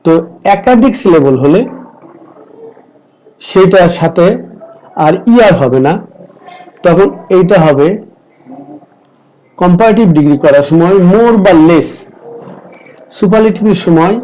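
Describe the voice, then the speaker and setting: A middle-aged man with a Bengali accent, teaching an online grammar lesson and slowly repeating lists of words. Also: high voice, expressive, warm tone, rough recording. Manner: slow, deliberate, repeats word lists. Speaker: English teacher.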